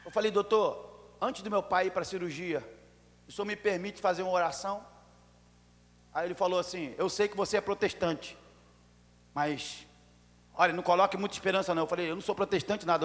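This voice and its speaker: A Brazilian pastor preaching in a church, his high-pitched voice carrying a long reverb through the hall. He tells his story dramatically, sinking to near whispers and then bursting into shouts. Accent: Brazilian Portuguese. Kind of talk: sermon.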